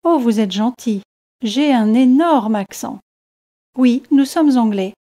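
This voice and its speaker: A cheerful Englishman at the seaside, friendly and eager, asking questions at an unhurried pace, as a woman reads him in a learners' storybook. The voice sits a little high and mellow.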